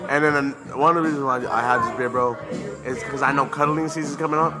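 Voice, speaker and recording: This podcast co-host is a fast-talking man whose medium-pitched voice stays fairly even. Music plays behind him while he trades slangy, boastful jokes, dropping "bro" into nearly every line.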